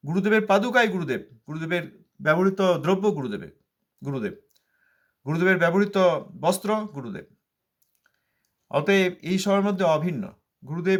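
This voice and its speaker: A man with a fairly high-pitched voice delivers a devotional sermon. He drives points home by repeating them and answers his own rhetorical questions. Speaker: spiritual teacher expounding scripture.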